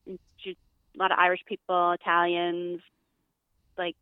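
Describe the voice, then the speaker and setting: A woman's voice: on the low side, completely flat delivery, moderate pace, clean tone, dry recording. A woman calling in to a casual show, chatty and hesitant, with many ums and likes. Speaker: caller. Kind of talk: casual phone-in chat. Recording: tinny phone line, dry.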